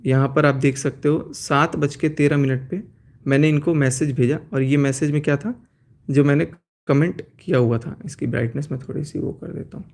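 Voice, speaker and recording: A man's voice: fairly high pitch, steady tone, moderate pace, darkish tone. A man on a phone live stream, explaining at length and reading out chat messages, with restarts. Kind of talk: casual live-stream account, reading out chats.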